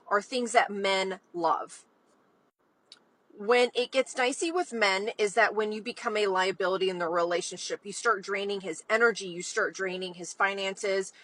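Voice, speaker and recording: A woman with a bright, crisp-edged voice at an average pitch delivers an advice monologue. She sounds confident and measured as she explains each point.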